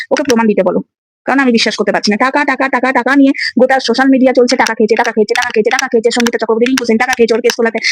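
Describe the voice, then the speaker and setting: A woman speaking to camera at a breakneck clip in a high voice. She hammers her points home over and over, challenging and insistent. A faint hiss sits under the recording. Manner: forceful, repetitive, challenging. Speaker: vlogger. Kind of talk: angry direct-to-camera rant.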